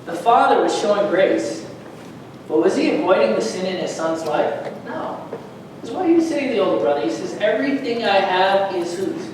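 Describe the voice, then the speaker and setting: High-voiced preacher in echoey church hall. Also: male voice, fairly quick, distant mic, noisy background. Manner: animated, rising to emphatic peaks, rhetorical questions. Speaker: pastor. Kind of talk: sermon.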